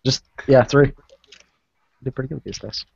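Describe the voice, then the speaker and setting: A man's voice: mid-range voice, moderate pace, gravelly, a little mellow, breathy edge, no room sound, lo-fi sound. A man playing a tabletop game, talking hesitantly with many fillers and chuckles. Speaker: player.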